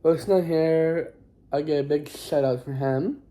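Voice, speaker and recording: Teenage student, very mellow dark tone, slow pace, halting and rambling, casual phone vlog. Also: medium pitch. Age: teens. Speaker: high school student vlogger. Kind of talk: casual recap vlog to camera.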